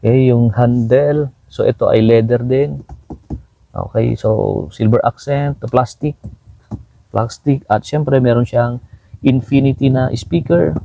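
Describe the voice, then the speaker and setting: Relaxed man with gravelly voice. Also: mid-range voice, slow, dry recording, rough recording. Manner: relaxed, repetitive pointing-out with frequent fillers. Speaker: car owner reviewing his vehicle. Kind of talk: casual walkaround tour narration. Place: inside a car.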